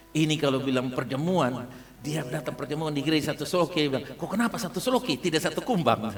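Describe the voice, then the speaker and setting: A man pastor with a Kupang Malay accent preaches a sermon in a lively, humorous way, often turning to the congregation. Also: high voice. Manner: lively, humorous, addresses listeners as "saudara kasih" often. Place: large church hall. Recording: church service with long reverb.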